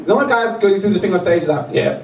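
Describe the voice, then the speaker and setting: A man's voice: sits high, fast. A man with a South London accent performing a conversational stand-up routine, full of slang and questions to the audience. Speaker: stand-up comedian. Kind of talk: live stand-up comedy routine. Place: live comedy stage before an audience. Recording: echoey live venue, distant mic, audience noise.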